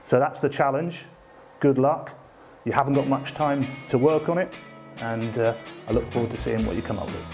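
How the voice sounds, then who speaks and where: A man's voice: mid-range voice, normal speed, a little mellow, soft background music. A man hosting a challenge, briefing students in an upbeat, encouraging way. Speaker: challenge host setting a task.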